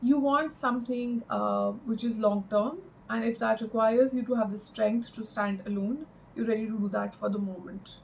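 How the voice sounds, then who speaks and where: A woman delivers a mystical tarot horoscope reading off the cuff. Her voice sits fairly high with plenty of creak. She speaks haltingly and reflectively, repeating phrases for weight, over faint background noise. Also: fairly even intonation, rough recording. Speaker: tarot card reader.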